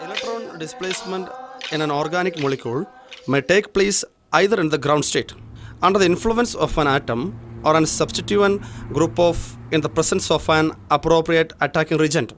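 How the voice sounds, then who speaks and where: A man acts out a contemptuous male chemistry lecturer with a Malayali English accent, his voice sitting a little high and his delivery dragging and deliberate. He drones through his lecture and snaps scornfully at his students, as in a short film. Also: a bit bright, slight background noise. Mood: lecturing.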